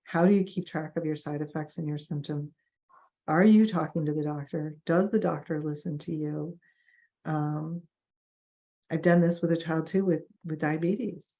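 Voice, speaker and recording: A woman with a low, gravelly voice gives a lecture on professional ethics. Her tone is mellow and conversational, and she acts out clients and doctors in quoted asides. The recording sounds dull and lo-fi. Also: steady tone, moderate pace. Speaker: therapist teaching a professional ethics session.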